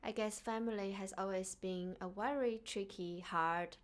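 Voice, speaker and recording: With a mid-range voice and fairly even intonation, a Chinese-accented woman from China speaks a little slowly. Her delivery is soft and earnest as she hosts a reflective solo podcast.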